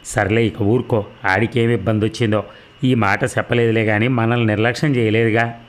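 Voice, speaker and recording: A man voicing an older village mother who is fretful and protective, scolding gently in homely speech. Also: on the low side, level tone, brisk, close to an everyday voice. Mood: soothing.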